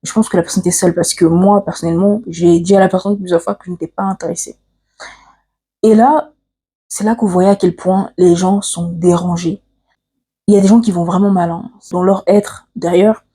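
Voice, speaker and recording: Husky-voiced woman telling a personal story. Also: fairly low pitch, steady tone, brisk, warm tone. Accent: African French. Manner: hesitant, frequent "euh" fillers and restarts; earnest, confiding. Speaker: vlogger.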